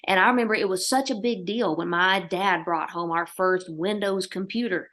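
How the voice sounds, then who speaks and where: With a lowish voice at an ordinary speed, she fields interview questions, a thirty-something country musician from Oklahoma with a matching accent and a lively, folksy way of spinning a tale.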